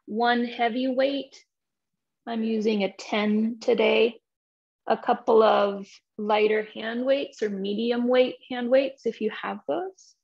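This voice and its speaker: A woman fitness instructor talking her online class through the props for the day, relaxed and chatty over a video call. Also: on the high side, takes it slowly, gravelly, muffled recording. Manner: relaxed, chatty, loose with fillers. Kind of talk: live online class intro.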